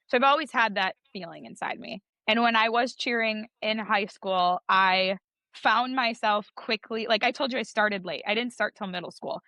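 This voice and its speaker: A woman's voice: medium pitch, bright, forceful tone, dry recording. A young woman, a judge and coach, talking in a chatty, emphatic way in a casual interview. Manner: chatty and emphatic, heavy use of "like".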